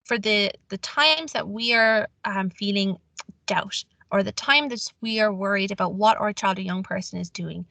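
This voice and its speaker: Woman, bright voice, earnest webinar talk, dry close sound. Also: mid-range voice, normal speed, gravelly, no echo. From Ireland. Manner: earnest, many fillers and restarts. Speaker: webinar presenter on online safety.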